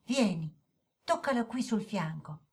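A woman voicing a gentle, patient boy who reassures and teaches in a children's audio story. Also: medium pitch, lively intonation, a little slow, slightly rough. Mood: reassuring. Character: caring young brother, calm and patient.

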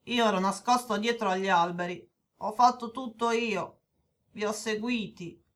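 A woman's voice: mid-range voice, normal speed, fairly bright tone, natural voice. Woman voicing a shy, remorseful little boy. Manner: hesitant, apologetic, stammering. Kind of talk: children's audio story acting.

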